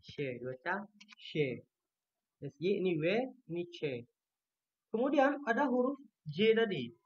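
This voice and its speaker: A Turkish language teacher from Indonesia giving an online lesson with a shared screen, patiently repeating each letter sound slowly to show how it is pronounced. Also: medium pitch, big pitch swings, lo-fi sound, slight background noise.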